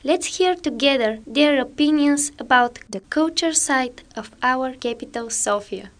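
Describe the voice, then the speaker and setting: A woman's voice: high-pitched, a little slow. A woman presenting a radio feature in careful, scripted narration.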